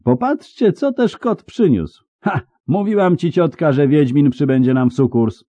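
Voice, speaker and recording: A man reading an audiobook, voicing a brash, cheeky young woman in a high, shrill voice. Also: expressive, normal speed, mellow, no room sound. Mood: mocking.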